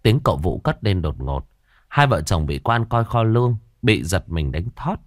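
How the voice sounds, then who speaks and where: A man narrating a ghost story as a storyteller, slow and expressive. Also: deep voice, no echo, clean studio sound.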